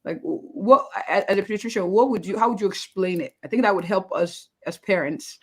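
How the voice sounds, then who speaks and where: A woman's voice: mid-range voice, a little fast, husky. A woman physician hosting a live-streamed interview, upbeat and effusive, often repeating words of praise. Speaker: host, family physician.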